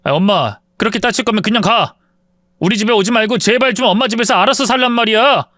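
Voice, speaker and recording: Male reader doing a curt young husband, high, dry close read. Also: quick pace, pushed and bright, dry recording. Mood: irritated. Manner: snappish, impatient. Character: irritable young married son, curt.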